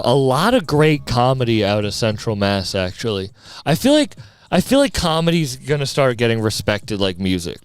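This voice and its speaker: A man's voice: medium pitch, clear, resonant tone. A young man from Massachusetts hosting a casual podcast livestream, talking loosely with lots of fillers. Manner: loose and rambling, many fillers. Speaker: podcast host. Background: music playing.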